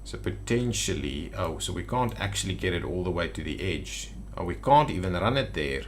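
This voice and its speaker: A gaming video host with a fairly low voice plays casually at a computer indoors, thinking aloud and muttering to himself. His intonation is lively and his speed normal, with faint background noise and keyboard clicks behind him.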